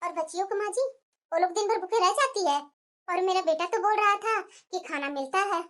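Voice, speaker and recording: A woman's voice: very high voice, brisk, a bit bright, voice pushed down. Woman voicing a caring elder daughter-in-law. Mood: concerned. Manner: earnest, scolding, soothing. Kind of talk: animated story voice acting.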